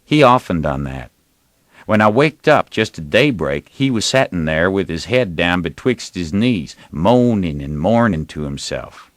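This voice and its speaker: A man narrates a novel in the first person, with folksy dialect and a lively, rolling delivery. His voice sits fairly low, and the recording is close and dry with no room sound. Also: a little slow, no echo. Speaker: audiobook reader. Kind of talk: dramatic reading of a novel.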